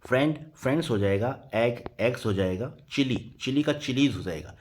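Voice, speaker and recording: A man's voice: mid-range voice, lively intonation, moderate pace, a little hiss or hum. Patient man teaching a grammar lesson. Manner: patient, repeats "theek hai" after each point; spells words out letter by letter. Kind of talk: Hindi-medium grammar lesson.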